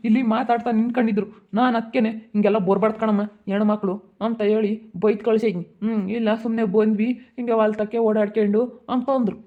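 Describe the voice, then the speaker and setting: Man as a calming village elder brother. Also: high voice, fast, hardly any pauses, lightly acted. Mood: pleading. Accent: rural Chitradurga Kannada. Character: older village brother-figure, calm mediator. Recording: tinny phone-like recording.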